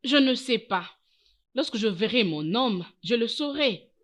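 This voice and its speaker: A woman's voice: on the high side, expressive, measured pace, fairly bright tone. An actress playing a secretive young woman who hides that she is in love, speaking guardedly and evasively. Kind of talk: dubbed film acting.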